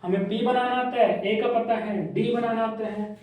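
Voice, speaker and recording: A man's voice: sits high, steady tone, normal speed, a little mellow. A man teaching a class step by step. He repeats key points and often asks the students whether they have understood. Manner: repetitive, checks understanding with questions. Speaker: shorthand teacher. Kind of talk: classroom lesson explaining step by step. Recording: echoey room, voice from a distance.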